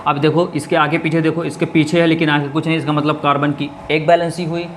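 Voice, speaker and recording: Male chemistry tutor, slightly high voice, asks and answers his own questions, faint noise behind. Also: level tone, fast talker. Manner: asks students questions and answers them himself; counts out steps one by one. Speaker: chemistry teacher. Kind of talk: classroom lesson at a board.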